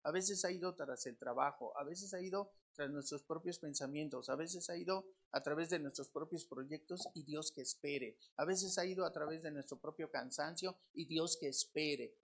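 A Mexican pastor preaching a sermon to his congregation in a conversational way, swinging between loud emphatic lines and quiet low asides, asking questions and repeating words. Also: moderate pace, hardly any pauses, breathy edge. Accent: Mexican Spanish.

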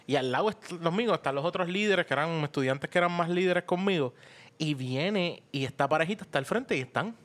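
A Puerto Rican man co-hosting a podcast, telling a funny story in a casual, animated way and acting out the voices. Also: on the high side, fairly quick. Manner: animated, laughing, acts out voices in anecdotes. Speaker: podcast co-host.

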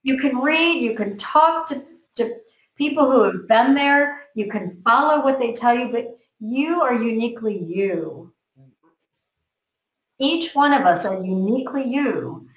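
A woman from America, talking earnestly in a group conversation and often repeating words as she works out her thoughts. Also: on the high side. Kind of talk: motivational group chat. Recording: roomy echo.

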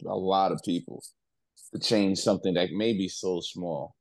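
Young guy on a podcast, kinda low voice, rambling easy storytelling, dry close sound. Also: normal speed, no echo. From outside the US. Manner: laid-back, rambling storytelling with slang. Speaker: podcast co-host. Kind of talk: casual chat.

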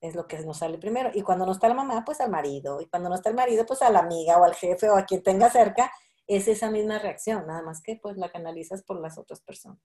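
Woman, middle-aged, casual talk, reflective, quick laughs. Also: medium pitch, dark tone. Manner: reflective, laughs often, acts out quotes. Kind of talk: casual group conversation.

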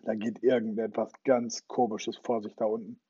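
Male narrator voicing baffled pirates, husky, dry sound. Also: lowish voice, little pitch movement, moderate pace, mellow, dry recording. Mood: puzzled. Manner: wondering, uneasy. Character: puzzled gang of pirate sailors. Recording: dull lo-fi recording.

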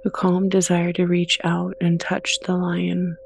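Very slow, soft-spoken creaky meditation guide. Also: medium pitch, completely flat delivery, a little hiss or hum. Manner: soft-spoken, gentle, unhurried pauses. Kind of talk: guided meditation, slow soothing scripted narration.

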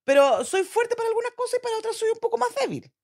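A woman's voice: extremely high pitch, big pitch swings, fast, darkish tone. A middle-aged Chilean woman, a mother, joking and dramatic in a casual family chat. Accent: Chilean Spanish.

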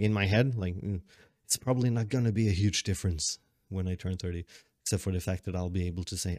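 A man in his late twenties with a fairly low voice talks through a casual solo podcast. He rambles, restarts his sentences and laughs at himself along the way. The sound is close and dry, with no room around it. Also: darkish tone, dry recording. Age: 20s. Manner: rambling, self-correcting, laughs often. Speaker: podcast host.

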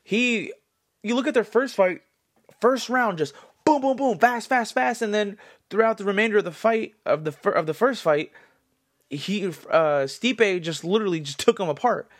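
A man in his twenties, congested, talking in a rambling, animated style full of fillers as a solo podcast host. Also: sits high, moderate pace. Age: 20s. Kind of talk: casual solo commentary.

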